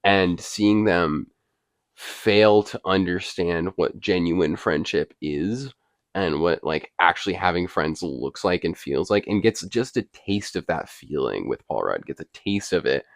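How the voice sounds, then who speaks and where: Man, deep voice, co-host of a relaxed film chat; earnest and analytical, with long explanations. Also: measured pace, dry recording, clean studio sound. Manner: defends his view with analysis. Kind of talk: casual movie discussion.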